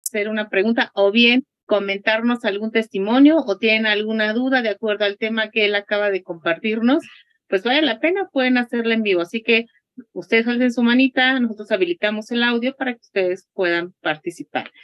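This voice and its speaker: A woman with a somewhat high voice moderates a live online session and warmly invites the audience to take part. Her audio is dull and dry, like a video call. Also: a little fast, no echo. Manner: friendly, inviting questions.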